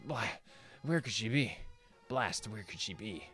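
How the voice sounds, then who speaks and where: A man's voice: lowish voice, animated, measured pace, a bit bright, faint music behind. A man voicing a noble, earnest young male lord, reading game dialogue aloud with determination. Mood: determined.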